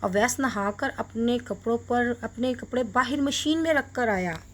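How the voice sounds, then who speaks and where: A woman reading a novel aloud, telling the story in a plain, steady way. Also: on the high side, a little slow. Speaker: story reader.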